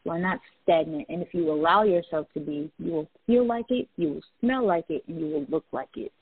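A woman's voice: on the low side, a little fast, gravelly, slightly rough, no room sound. Woman poet and speaker, casual reflective talk, dry close sound through a phone-like line. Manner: reflective, many "like" fillers. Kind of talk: casual conversation.

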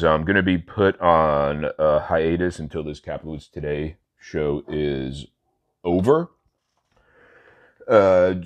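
An extremely deep, gravelly-voiced man hosts a laid-back solo podcast, his nose stuffed up from allergies. He rambles casually, smoking as he talks, with plenty of "uh" fillers and self-corrections along the way.

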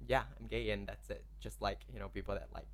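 A man's voice: lowish voice, steady tone, quick pace. A man in his twenties from Malaysia, a podcast guest talking openly and frankly, often saying "like". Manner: open, frank, says "like" often. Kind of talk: casual podcast chat.

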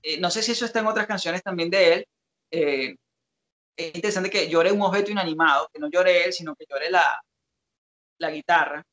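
Guy with a kinda high voice, thinking out loud, lots of ehs and pauses. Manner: reflective, hesitant with many fillers. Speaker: co-host analyzing song lyrics. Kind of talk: casual analytical discussion.

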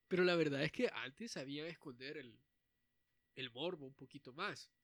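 A young man co-hosting a casual chat, animated and quick to laugh, often acting out the lines he talks about. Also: a little high, dry recording, clean studio sound. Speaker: podcast co-host.

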